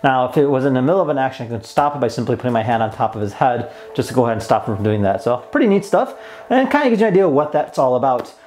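A toy review channel host in his twenties casually shows off a product hands-on at a table in a plain indoor room, easygoing with mild enthusiasm. He races along in a sing-song, medium-pitched voice with a darkish tone.

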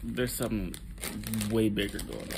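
A young man vlogging at home early in the morning, talking in a hushed, rambling, slangy way about spiritual ideas. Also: normal speed, gravelly. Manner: rambling, hushed and low-key, with slangy asides. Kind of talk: casual spiritual monologue to camera. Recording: loud background noise.

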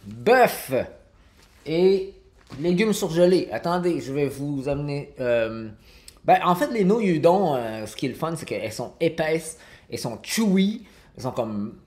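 A Québécois man in his forties chats casually during a live cooking stream from his home kitchen, using many fillers and answering viewers by name. His voice is a little high with a darkish tone. A fixed camera on the counter picks up the audio.

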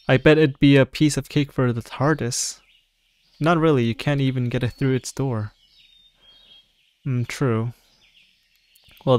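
A young man doing casual let's play commentary, reading game dialogue aloud. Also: medium pitch. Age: young adult. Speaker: gaming streamer. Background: game music.

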